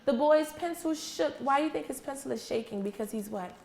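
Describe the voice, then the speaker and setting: This preschool teacher speaks fairly quickly in a high voice with vocal fry and a darkish tone. Reading aloud to young children indoors, she encourages them patiently, asks questions, and repeats their replies, all in an echoey room with faint background noise.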